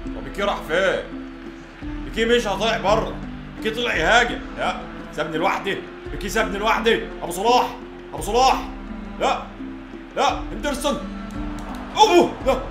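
A young man with an Egyptian accent, commentating his own football video game match and shouting and pleading at the play. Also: sits high, animated, fairly quick, pauses often. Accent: Egyptian Arabic. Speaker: gaming YouTuber. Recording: echoey room with game music.

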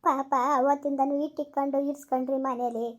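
A woman's voice: high voice, level tone, brisk, close to an everyday voice. A woman acting as a crying elderly grandmother left by her children, wailing and pleading. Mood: grieving. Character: weeping old grandmother abandoned by her children. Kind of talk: village comedy skit acting.

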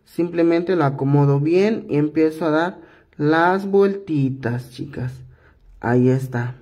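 Slow, husky-voiced man with a cough. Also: fairly high pitch, darkish tone. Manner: patient, repetitive step-by-step instructing. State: hoarse from a cough. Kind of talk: hands-on craft tutorial.

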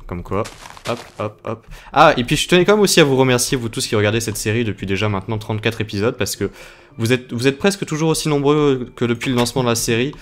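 A man's voice: medium pitch, slight background noise. A young French man casually commenting on his game for viewers, playful and chatty, with game music behind him. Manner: chatty, playful, talking to viewers while playing. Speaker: gaming video host. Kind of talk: casual Let's Play commentary.

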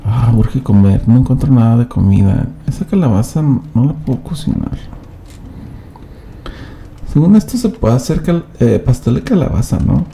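A man's voice: medium pitch, expressive, moderate pace, gravelly, mellow, slight background noise. A man doing live gameplay commentary as a streamer, chatting and teasing his viewers directly. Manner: chatty, addresses chat directly, teasing banter.

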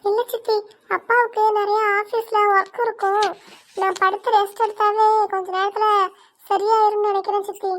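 A woman's voice: extremely high pitch, level tone, moderate pace. A woman doing a meek, tearful young heroine. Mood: pleading. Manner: soft, pleading, tearful monologue. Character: meek young woman, mistreated stepdaughter, gentle. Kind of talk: cartoon voice acting.

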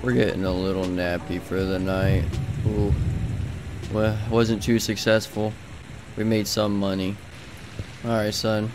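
A man's voice: on the low side, little pitch movement, a little slow, pauses often. Playful young man doing game commentary. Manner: playful, jokey, bursts into loud panicked yelling. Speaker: gaming video creator. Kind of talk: comedic gameplay commentary. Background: game music.

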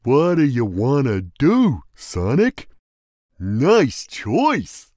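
A man voicing a big, gentle, slow-witted male cat who fishes and talks in a friendly, simple, drawn-out way for a video game. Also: mid-range voice, wildly swooping pitch, dry recording, clean studio sound, full character voice. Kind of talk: game voice lines.

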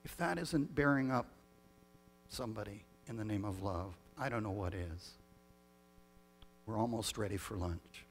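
A male pastor leading a communion liturgy in a measured, solemn way, heard with a long cathedral-like echo. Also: lowish voice, slight background noise. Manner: measured, solemn liturgical reading with small restarts. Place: church sanctuary. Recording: long reverb of a large church.

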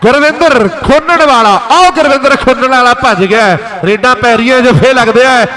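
A man with a Punjabi accent giving excited live kabaddi commentary, chanting names and cheers over and over. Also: extremely high pitch, moderate pace. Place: outdoor kabaddi ground. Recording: crowd noise around the commentary.

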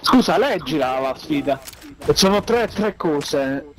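A man's voice: on the high side, animated, a little slow, vocal fry, a crowd in the background. A man talking casually with friends during a video game, with noise behind his voice. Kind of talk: casual gaming chat. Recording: noisy game voice chat.

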